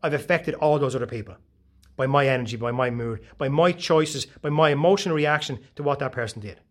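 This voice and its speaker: Profane, animated man telling stories. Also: medium pitch, brisk. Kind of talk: casual monologue.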